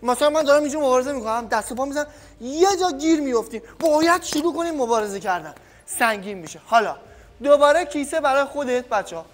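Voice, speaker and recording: A man with a very high voice, an Iranian boxing coach who has a cold, runs an energetic, casual tutorial at a gym punching bag. He calls the viewers kids and sometimes trails off quietly. No microphone is used; the camera's audio carries long, echoey gym reverb.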